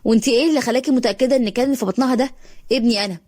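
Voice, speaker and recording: A woman's voice: a little high, racing, darkish tone, no echo, clean studio sound, close to an everyday voice. A woman voicing a curt, suspicious young husband who speaks dismissively in Egyptian Arabic.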